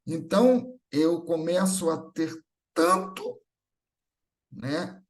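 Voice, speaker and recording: Speaking extremely slowly, a guest speaker at a Spiritist gathering uses an expressive voice on the high side. He's Brazilian, with a Brazilian Portuguese accent, and his extemporaneous religious talk is earnest and comforting, building momentum through repetition.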